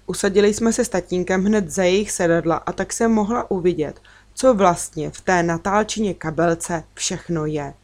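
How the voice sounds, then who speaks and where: Female narrator, low-ish voice, gentle children's story reading. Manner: gentle storytelling, lifting her voice for children's lines. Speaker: audiobook reader.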